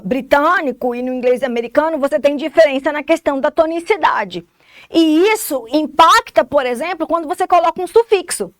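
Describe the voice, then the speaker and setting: A woman's voice: high-pitched, no echo, clean studio sound. A woman with a Brazilian Portuguese accent teaching an English lesson, explaining step by step and often checking that students follow. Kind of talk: recorded classroom lesson.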